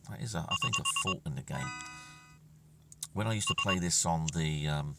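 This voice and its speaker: Here a man speaks at a moderate pace in a low-pitched voice with vocal fry, offering casual commentary as he plays. He tends to mumble to himself, trailing off into near-whispers, picked up by a far-off mic with music in the background.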